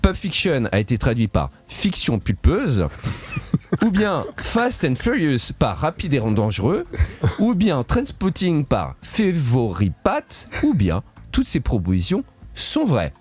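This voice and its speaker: A man's voice: mid-range voice, wildly swooping pitch, a little slow, a little mellow, husky. A man from Switzerland, presenting a playful, punning radio quiz segment in a studio. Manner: playful, punning, laughs at his own jokes.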